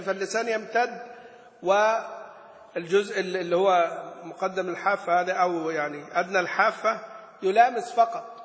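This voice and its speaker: Bright-voiced male teacher in an echoey hall. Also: sits high. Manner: demonstrates letter sounds aloud and chants quoted verses; poses questions to students and answers them himself. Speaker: Quran recitation teacher. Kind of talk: explaining a classical recitation poem in a lesson. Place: Gulf region. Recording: echoey room with long reverb.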